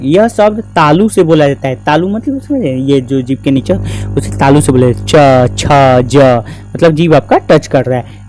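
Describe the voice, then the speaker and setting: A man teaches a grammar lesson in a casual, conversational way, often posing a question and then answering it himself. His voice sits a little high but sounds mellow and soft-edged. Faint music plays underneath. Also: low-quality recording. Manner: explains step by step, asks and answers his own questions; casual, repeats "theek hai" and "na" as checks. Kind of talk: exam-prep grammar lesson.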